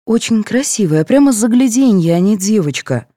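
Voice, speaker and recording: A woman voicing a soft, indulgent mother who fusses and apologizes for her children in an audiobook. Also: medium pitch, lively intonation, normal speed, no echo, clean studio sound, lightly acted. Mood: fussing. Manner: fussing, apologetic.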